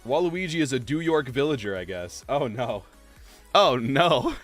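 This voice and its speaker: A young man chatting casually on a game livestream, answering viewers and filling pauses with "like" and "uh". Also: mid-range voice, expressive, darkish tone, soft background music. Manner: chatty, reads and answers chat, many fillers. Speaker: streamer. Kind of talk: casual livestream chat while playing.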